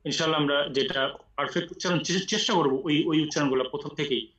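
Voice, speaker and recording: A man teaching Quran recitation in an online class, explaining rules patiently and reciting slowly with long drawn vowels. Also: on the high side, fairly bright tone. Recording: echoey room, muffled audio.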